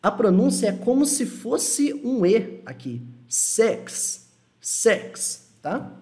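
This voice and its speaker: A young man teaching an online lesson, relaxed and reassuring, repeating words slowly to model pronunciation. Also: high voice. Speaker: English teacher.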